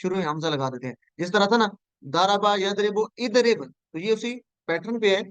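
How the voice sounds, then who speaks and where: High, clear-voiced male teacher leading drills. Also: a little fast, a bit bright, no room sound. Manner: patient, repeats drills and invites students to answer. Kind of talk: online class lesson with drills.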